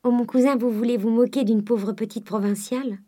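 A woman's voice: a little high, steady tone, fairly quick, mellow, voice pushed up, natural voice. A woman reading the part of a shy, tender young provincial girl who talks in an earnest, eager way.

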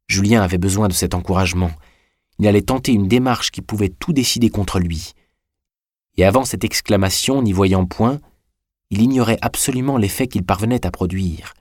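A man narrating a classic novel in a measured, even reading. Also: lowish voice, no echo, studio quality. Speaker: audiobook reader. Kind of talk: scripted audiobook narration.

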